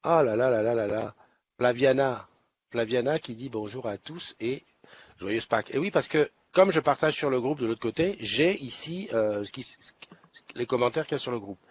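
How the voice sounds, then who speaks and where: A man's voice: mid-range voice, lively intonation, moderate pace. Guy from nice rambling on a livestream, lots of restarts, slightly muffled sound, faint hiss. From Nice, France. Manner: rambling, chatty, many restarts. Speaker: livestream host. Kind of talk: casual live chat. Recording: slightly dull sound, faint background noise.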